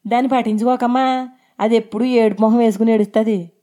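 A woman's voice: on the high side, steady tone, fast talker, mellow, voice pushed up, natural voice. A woman voicing a boastful, crude young husband who talks in a mocking, sneering way. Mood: dismissive.

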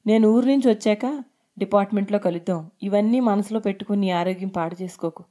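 A woman's voice: mid-range voice, quick pace, warm tone, close to an everyday voice. A woman voicing an indignant young woman friend who is a student. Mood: consoling.

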